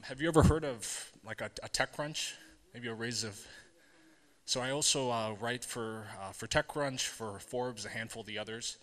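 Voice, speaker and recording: Male keynote speaker, bright tone, halting earnest delivery, reverberant hall. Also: medium pitch. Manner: earnest, halting with many fillers and restarts. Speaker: conference speaker. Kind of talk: live presentation to an audience.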